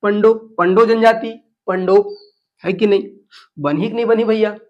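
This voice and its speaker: A man's voice: sits high, steady tone, unhurried, dull audio. A man teaching an exam class, asking questions and answering them himself, with local phrases mixed in. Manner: slips into Chhattisgarhi phrases. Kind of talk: lecture drilling exam facts.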